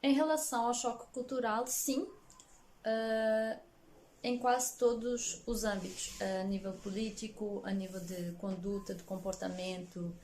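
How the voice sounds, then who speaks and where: A woman's voice: mid-range voice, fairly even intonation, unhurried, a little mellow, a little hiss or hum. A woman in her late twenties answering interview questions casually, thinking aloud and listing her points. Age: 20s. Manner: thoughtful, listing points with fillers.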